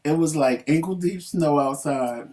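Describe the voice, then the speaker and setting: A man co-hosting a casual talk show, telling stories with animated, profane acted-out quotes. He sits a little back from the microphone, so his voice sounds slightly distant. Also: a little high, unhurried. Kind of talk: casual chat.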